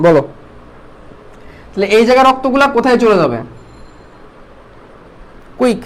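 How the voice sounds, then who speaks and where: A man's voice: very high-pitched, big pitch swings, normal speed. A man teaching biology in an online class, asking students the same question again and again before answering it himself.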